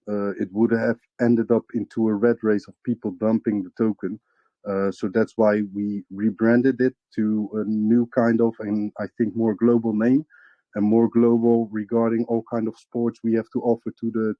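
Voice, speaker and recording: A man's voice: fairly low pitch, flat delivery, moderate pace, no room sound, dull audio. A man representing a crypto project, answering interview questions hesitantly with many fillers and restarts.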